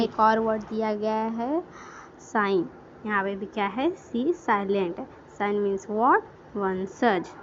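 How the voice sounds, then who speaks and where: A woman with a fairly high voice gives a grammar lesson. She spells out words letter by letter and answers her own questions as she goes. The recording sounds dull and lo-fi, with a faint hiss behind her. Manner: asks questions and answers them herself; mixes English words into Hindi. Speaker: English grammar teacher. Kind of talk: classroom lesson explaining words.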